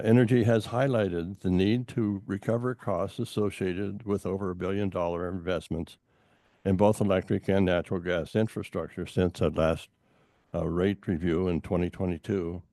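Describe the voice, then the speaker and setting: An older man from Montana giving public testimony at a utility hearing, halting and full of fillers and restarts. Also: low-pitched, steady tone, dark tone, no echo, clean studio sound.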